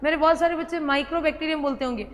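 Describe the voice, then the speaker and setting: High-voiced woman teaching biology. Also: rapid-fire. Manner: repeats key terms and quizzes the students; addresses students fondly as child. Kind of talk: classroom lecture at a board. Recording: hall reverb with faint ambient noise.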